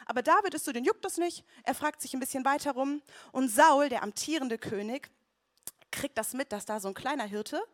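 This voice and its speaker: A woman preacher giving a conversational sermon, retelling scripture with vivid comparisons and checking in with listeners. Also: high voice.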